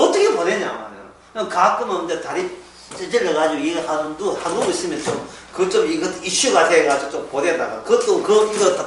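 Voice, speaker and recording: This man is a pastor delivering a church Bible lecture in a lecture room, speaking in a lively, high voice with a playful, joking manner and repeated key words. The hall is very echoey, the microphone is distant, and there's a faint background noise.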